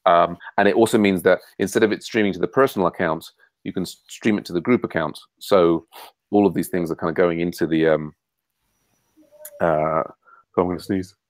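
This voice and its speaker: A man's voice: sits low, fairly even intonation, fairly quick, no echo, low-quality recording. A man hosting a casual online meeting, talking with many fillers and restarts over a video call. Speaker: meeting host.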